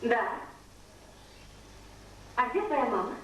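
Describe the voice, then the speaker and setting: Worried village mother, high voice, urgent, echoey, heard from afar. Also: very animated, slow, slight background noise. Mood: gentle. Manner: urgent, pleading. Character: anxious young village mother. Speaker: mother in a dubbed film. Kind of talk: dubbed film acting. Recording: echoey old film soundtrack, distant.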